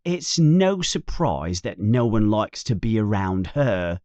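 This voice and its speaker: A man's voice: fairly low pitch, animated, slow pace, darkish tone, no room sound. A man voicing a grumpy, sulky schoolboy wizard in a storybook reading.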